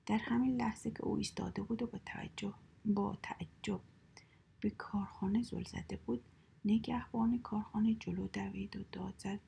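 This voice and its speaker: A woman reading a children's story aloud in a soft, hushed whisper. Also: medium pitch, steady tone, creaky, husky.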